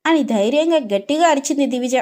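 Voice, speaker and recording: A woman narrating an animated storybook with expressive, scripted storytelling. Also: high-pitched, quick pace.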